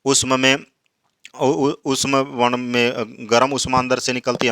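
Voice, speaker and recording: A man's voice: mid-range voice, fairly bright tone, dry recording, studio quality. A man teaching, reading each exam question and then explaining its answer. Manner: slow drawn-out recitation of verses.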